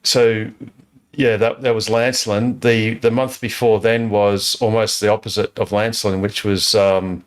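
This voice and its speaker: A man's voice: lowish voice, little pitch movement, a little slow. A man hosting a casual club chat over a video call, rambling with lots of fillers and restarts. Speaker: club host answering questions. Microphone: video call over satellite internet.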